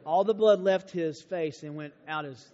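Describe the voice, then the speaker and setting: Man preaching to a youth camp, fairly high voice, lively and emphatic, dull recording with long reverb. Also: moderate pace. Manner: animated storytelling preacher, swings from hushed to emphatic. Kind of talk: sermon. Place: large church auditorium.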